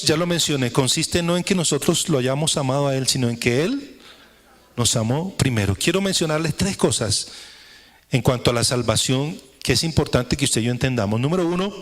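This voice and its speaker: A pastor delivers a sermon in a fairly high, fairly bright voice. His cadence is emphatic and repetitive, and he keeps turning to the congregation with rhetorical questions.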